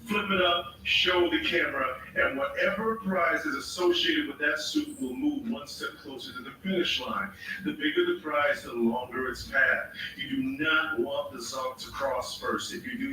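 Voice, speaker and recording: A man's voice: a little high, sing-song, normal speed, slight background noise. A man hosting a game show, calling out the plays with exclamations and repeated phrases. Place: television game show studio. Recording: echoey TV studio, distant, loud music behind. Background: music.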